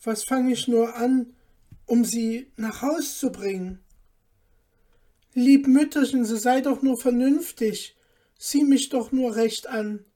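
A woman's voice: medium pitch, takes it slowly, warm tone, husky. A woman voicing a frightened, pleading young boy in a read-aloud fairy tale. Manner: pleading, anxious. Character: timid bewildered young boy turned dwarf. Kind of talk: storybook reading.

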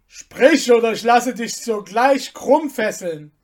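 Loud brutal officer, put on by a woman reader, barking threats, storybook. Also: mid-range voice, takes it slowly, voice pushed up, close to an everyday voice. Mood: shouting. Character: shouting army officer, man, brutal and bullying. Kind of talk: audiobook reading.

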